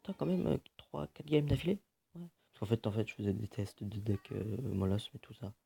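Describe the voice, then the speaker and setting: A man's voice: fairly low pitch, moderate pace, creaky, dark tone, breathy edge. A man giving casual, joking gameplay commentary, swearing often and muttering to himself. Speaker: gaming video host.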